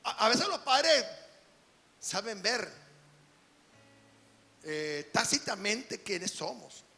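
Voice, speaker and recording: A man preaching an emphatic sermon as an apostle, dropping to quiet lines and rising to shouts. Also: high voice, sing-song, extremely slow, creaky, long reverb tail, faint music behind.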